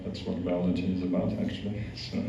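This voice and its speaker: Speaking with an Austrian accent, a young Austrian monk addresses a youth group as guest speaker, hesitating often, restarting and using lots of fillers in an informal way. The voice sits low, dark in tone and brisk, with little pitch movement and a bit of hiss or hum. It's captured distantly and dully in a big hall with plenty of echo.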